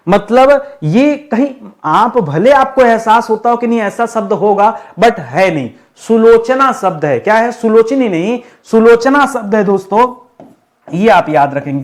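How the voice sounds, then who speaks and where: A young man teaching Hindi for an exam, drilling spellings by asking a question and answering it again and again. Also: high-pitched. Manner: drills students with repeated questions; addresses viewers as friends. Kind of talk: exam-prep lecture.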